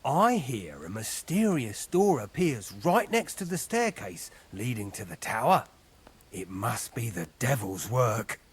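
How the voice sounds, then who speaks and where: A man's voice: medium pitch, big pitch swings, a little slow, breathy edge, heavily acted. An actor playing a sheepish, conspiratorial male character in a video game.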